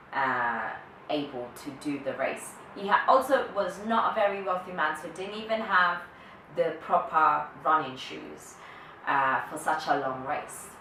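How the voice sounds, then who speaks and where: A woman's voice: low voice, bright, forceful tone. A woman vlogger giving an earnest motivational talk to camera, thinking aloud with restarts. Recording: echoey room, distant from mic, faint noise.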